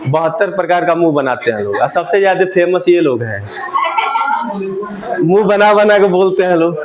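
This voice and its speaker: A man's voice: sits high, lively intonation, moderate pace, crowd noise. A male teacher giving a Hindi grammar lesson, asking the class questions and having them repeat the answers. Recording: roomy classroom echo.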